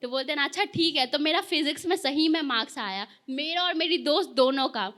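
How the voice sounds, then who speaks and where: A woman's voice: high-pitched, animated, a little fast, a bit bright. A young woman telling a school story in a live stand-up set, chatty, giggling often and acting out the dialogue. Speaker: stand-up comedian. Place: live comedy stage.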